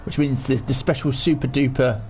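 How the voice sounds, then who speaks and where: A man with a croaky voice hosts a gaming livestream in a chatty, rambling, self-deprecating way. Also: mid-range voice, steady tone, fairly quick, a little mellow, a little hiss or hum. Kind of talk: casual livestream game commentary.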